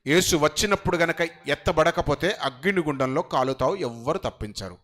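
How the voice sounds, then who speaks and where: A middle-aged man preaching a sermon as pastor. He moves between quiet conversational asides and loud, rising emphatic passages. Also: on the high side, lively intonation, normal speed.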